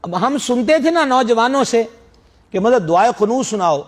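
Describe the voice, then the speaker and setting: A middle-aged man from Pakistan delivers a religious lecture in a fairly high voice. He teaches patiently, stretching out Arabic sounds to demonstrate them and pressing his point with rising questions. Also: lively intonation. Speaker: Islamic preacher teaching prayer pronunciation.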